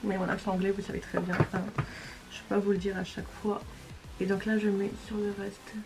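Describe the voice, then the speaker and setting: A woman's voice: mid-range voice, level tone, a little fast, vocal fry, music in the background, poor audio. A woman, casually talking through each step of a makeup tutorial. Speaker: beauty vlogger.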